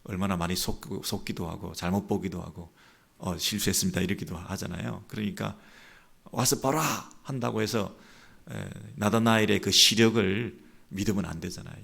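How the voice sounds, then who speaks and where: A man preaching a dawn service sermon, reading scripture and acting out the quoted dialogue with sudden rises in pitch and volume. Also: fairly quick, gravelly. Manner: acts out quoted dialogue with lively shifts in pitch and loudness. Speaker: pastor.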